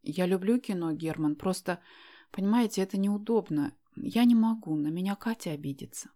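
A woman's voice: medium pitch, normal speed, mellow, natural voice. A woman voicing a shy, conscientious young female student in an audiobook, polite and hesitant. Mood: flustered.

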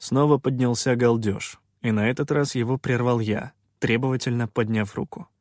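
A man reads a first-person fantasy audiobook in a measured, expressive way, his voice sitting at a middle pitch. The recording is close and completely dry, with no room around it. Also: no echo. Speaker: audiobook narrator.

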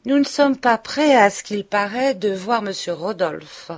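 A woman voicing a cheerful, oblivious provincial husband in an audiobook, exclaiming loudly and heartily. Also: mid-range voice, big pitch swings, slow, heavily acted. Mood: hearty chatter. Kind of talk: audiobook character reading.

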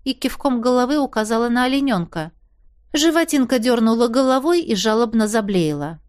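A woman narrating a fairy-tale audiobook in the first person, with a lively, expressive reading. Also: fairly high pitch, fairly quick, smooth.

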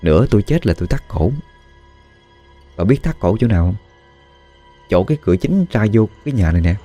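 A man's voice: on the low side, sing-song, a little fast, dark tone, soft background music. Man voicing a defiant drunken young husband. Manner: defiant, taunting.

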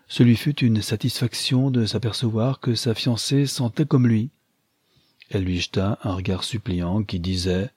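A man narrates a classic novel in a measured, literary way. His voice is low and mellow with a husky edge. The recording is close and completely dry, with no room sound. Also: no room sound. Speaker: audiobook narrator.

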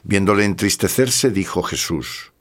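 A man narrating a scripted audiobook in a steady, measured way. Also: low-pitched.

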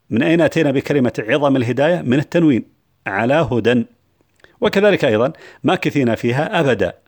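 Man explaining a lesson with hesitations. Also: medium pitch. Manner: measured explanation with frequent hesitations and slow quoted examples. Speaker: lecturer on Quran reflection. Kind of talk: religious lesson.

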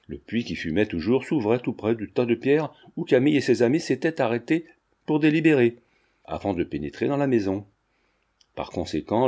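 Man, audiobook narration, mellow dark tone, measured dramatic reading. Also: medium pitch.

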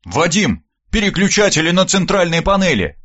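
A man voicing a young male pilot who calls out brisk commands to his crew, on a dull, slightly muffled recording. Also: high-pitched, sing-song, a bit bright, voice pushed up, exaggerated voice. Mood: commanding.

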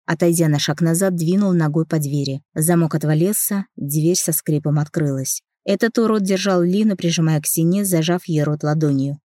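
Low, dark-voiced woman narrating an audiobook. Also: normal speed, hardly any pauses, no echo. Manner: reads a man's first-person story, voicing the characters lightly. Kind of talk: first-person audiobook narration with dialogue.

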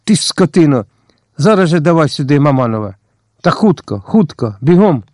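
A man's voice: on the high side, big pitch swings, moderate pace, darkish tone, no echo. A man voicing a furious middle-aged male party boss who barks threats and curt orders, in a dry audiobook recording. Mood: barking orders.

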